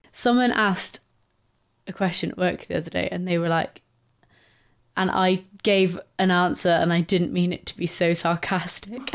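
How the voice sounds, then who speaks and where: A woman with a Bristol accent chatting casually and informally as a podcast co-host, with a giggly manner. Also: on the low side. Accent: Bristol English. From Bristol, England. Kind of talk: casual chat.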